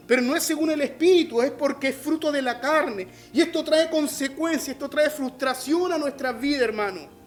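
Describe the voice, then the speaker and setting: High-voiced Chilean pastor preaching. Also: male voice. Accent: Chilean Spanish. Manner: preaching, often addresses listeners as brother. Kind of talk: online sermon.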